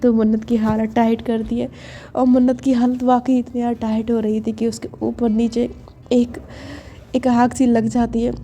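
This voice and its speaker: A woman's voice: fairly high pitch, dark tone. A woman casually narrating a romance story in an intimate, chatty way with many fillers.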